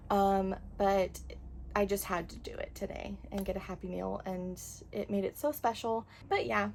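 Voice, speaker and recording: A woman in her twenties talks through a casual home vlog, her voice at an everyday middle pitch. She tells stories in a gushing, chatty way, full of little ums. A faint hiss of noise sits under her voice. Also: gravelly, a little mellow. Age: 20s. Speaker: vlogger. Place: home, packing.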